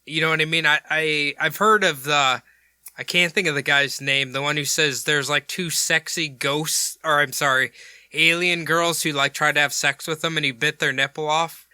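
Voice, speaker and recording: Bright-voiced joking male podcast host. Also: a little high, fairly even intonation, normal speed, clean tone, dry recording, studio quality. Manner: rambling and jokey, with crude asides. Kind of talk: casual podcast chat and case retelling.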